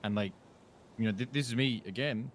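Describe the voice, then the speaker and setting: A man's voice: mid-range voice, a little fast, a little hiss or hum. A man reasoning through a group dispute in character, with lots of filler words. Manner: reasoning, filler-heavy, laid back. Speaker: roleplay gang member.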